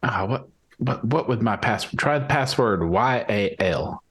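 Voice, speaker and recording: A man's voice: mid-range voice, lively intonation, unhurried, slightly rough. A man playing a tabletop game, chatting informally and hesitantly as he thinks aloud. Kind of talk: casual in-game chat.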